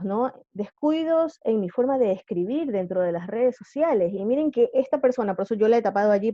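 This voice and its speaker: A woman's voice: medium pitch, no room sound, highs cut off. A woman teacher giving a live online class, patiently quizzing her students with questions.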